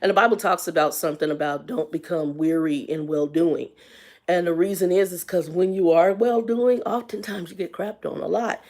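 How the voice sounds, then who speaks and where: A woman in her fifties hosts a casual livestream, telling a personal story in a candid, colloquial way with faith-based asides. Her voice is lowish and a little mellow, at a moderate pace.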